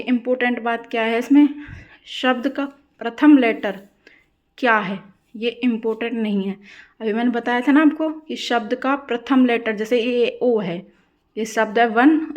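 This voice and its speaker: A woman teaching an English grammar lesson for exam students, asking questions and answering them herself, repeating key words slowly. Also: fairly high pitch, darkish tone. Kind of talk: classroom-style lesson explaining grammar.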